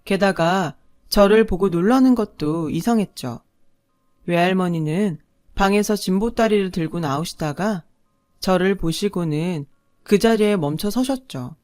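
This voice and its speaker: A woman's voice: on the low side, measured pace, a little mellow, no room sound, clean studio sound, soft background music. A woman narrating a first-person radio story in a conversational, confiding way.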